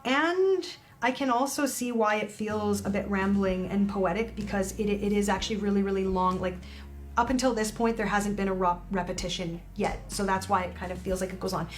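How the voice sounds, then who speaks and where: A woman vocal coach giving animated, expressive reaction commentary on a song. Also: mid-range voice, fairly quick.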